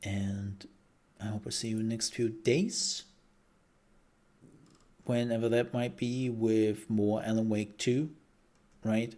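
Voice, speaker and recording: A man's voice: lowish voice, flat delivery, takes it slowly, long pauses, warm tone. A man streaming live and chatting casually as he reacts, rambling and thinking aloud with repeated phrases, his voice worn out from a long day of talking.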